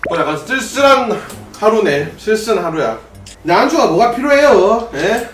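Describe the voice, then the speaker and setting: A man's voice: high-pitched, sing-song, normal speed, a bit bright, distant mic. A young man with a Gyeongsang accent, a former pro gamer chatting casually with his viewers on a solo drinking livestream and answering their questions. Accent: Gyeongsang Korean. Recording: roomy livestream audio with faint music.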